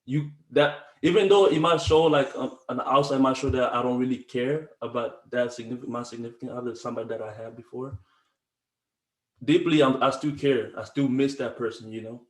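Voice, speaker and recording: A man's voice: medium pitch, steady tone, brisk, roomy sound. A man in his twenties from the Congo, a podcast guest talking casually and rambling, with slang and frequent restarts. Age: 20s. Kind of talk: casual conversation.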